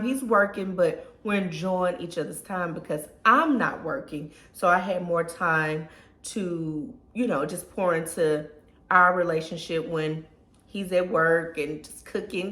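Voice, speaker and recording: A woman's voice: on the low side, a bit bright. A woman in her thirties telling a personal story to her viewers in a casual, emotional way, often saying "y'all". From Southern US. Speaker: lifestyle vlogger. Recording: echoey room.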